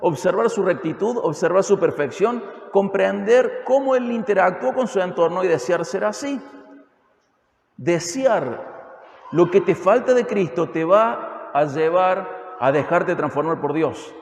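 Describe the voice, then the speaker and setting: High-voiced Argentine preacher in echoey hall. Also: male voice, lively intonation, unhurried, gravelly, slight background noise. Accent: Argentine Spanish (Córdoba). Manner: emphatic, firing rhetorical questions at the congregation. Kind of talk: expository sermon. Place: church hall. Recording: echoey hall with long reverb.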